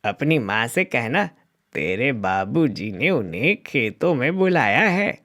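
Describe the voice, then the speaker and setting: A man voicing a scheming middle-aged village merchant in a cartoon, coaxing low and slow. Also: sing-song, fairly bright tone.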